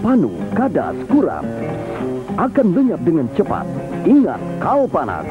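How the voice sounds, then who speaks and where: An old-newsreel style male announcer with a high, swooping delivery that leaps all over the scale. He punches out slogans emphatically, as if reading a vintage commercial. The sound is muffled and lo-fi, with loud jingle music playing behind him. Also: wildly swooping pitch, measured pace. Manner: emphatic, declaiming product slogans. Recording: dull lo-fi vintage broadcast audio.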